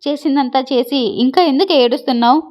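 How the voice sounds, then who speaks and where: A woman's voice: high voice, fairly quick, darkish tone, close to an everyday voice. Woman doing a harsh commanding older brother, hot-tempered, protective, storybook. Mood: angry. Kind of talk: storybook reading.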